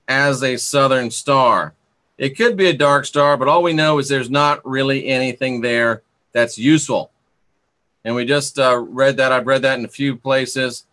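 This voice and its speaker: This is the host of an esoteric livestream, a man whose voice sits at medium pitch with a bit of brightness. He thinks out loud for his viewers casually, rambling, sharing opinions and going back over points for emphasis.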